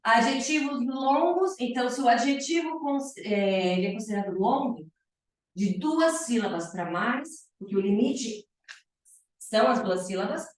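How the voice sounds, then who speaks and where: A woman teaching English in a classroom, speaking slowly and repeating each example word. Her voice reaches the camera from across the room. The hard walls give it a heavy echo. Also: mid-range voice. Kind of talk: bilingual classroom lesson. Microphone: camera at a distance. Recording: echoey room, far from the camera.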